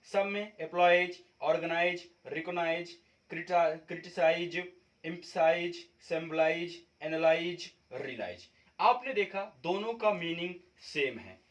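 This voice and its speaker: In a high-pitched voice, an Indian man teaches English spelling differences like a classroom lesson, going step by step, restating points, and frequently asking whether viewers are following. The recording quality is low.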